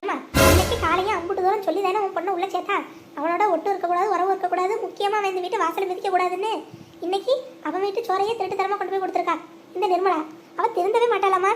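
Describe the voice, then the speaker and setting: A high-voiced performer voicing a stern older male village headman who lectures and scolds. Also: steady tone, racing, background noise.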